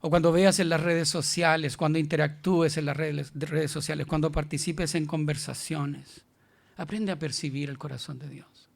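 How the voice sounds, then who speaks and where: A man's voice: a little high, steady tone, normal speed, vocal fry. A male pastor with a Chilean accent, preaching an emphatic, colloquial sermon. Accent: Chilean Spanish.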